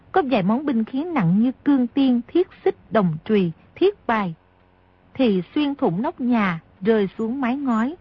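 A woman reading a martial-arts novel aloud as an audiobook narrator, in a steady, measured way. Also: a little high, slightly rough, dry recording. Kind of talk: scripted storybook narration. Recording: dry, dull lo-fi audio.

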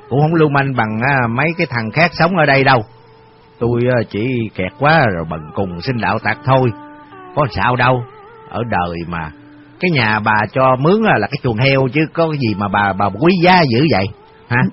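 A man's voice: medium pitch, expressive, normal speed, close to an everyday voice. A man voicing a defiant petty-thief tenant. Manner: blustering, defensive. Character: small-time thief tenant, defiant and sarcastic. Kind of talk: radio drama reading. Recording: dull radio recording with music.

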